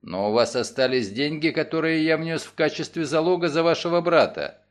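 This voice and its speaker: A man voicing a calm, terse middle-aged lawyer, asking short clipped questions in a lower, level voice for an audiobook. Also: fairly quick, lightly acted. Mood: curt.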